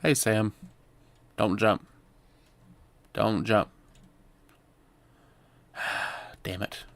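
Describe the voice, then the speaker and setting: A man's voice: fairly low pitch, steady tone, drawn-out words, vocal fry, a bit bright. A man giving let's play commentary, reacting aloud and reading the game's text. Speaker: gaming streamer.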